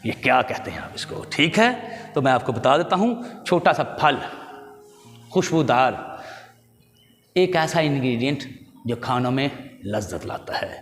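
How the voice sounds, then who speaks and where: A man's voice: medium pitch, long reverb tail. A man teaching pronunciation, patiently correcting words, spelling out vowel marks and calling his viewers "children". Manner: addresses viewers fondly as children. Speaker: language teacher. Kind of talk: pronunciation lesson.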